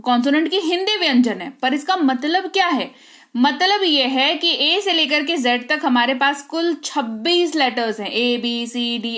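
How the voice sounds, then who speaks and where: A woman's voice: high voice, a bit bright. A woman teaching English spelling rules, spelling words out letter by letter and checking in with the class through frequent rhetorical questions. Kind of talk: spoken English lesson in Hindi.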